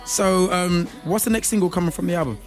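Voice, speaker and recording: A male radio host running a studio interview, lively and upbeat, repeating his phrases and laughing often. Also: sits high, quick pace, soft background music.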